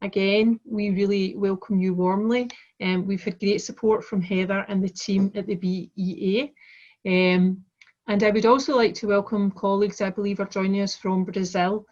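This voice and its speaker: Woman, broad Glaswegian Scottish accent, conference chair, courteous welcome address, little pitch variation, muffled lo-fi call audio. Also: little pitch movement, moderate pace, darkish tone. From Glasgow, Scotland. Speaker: conference chair giving opening remarks. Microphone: video call microphone. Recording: dull lo-fi video-call audio.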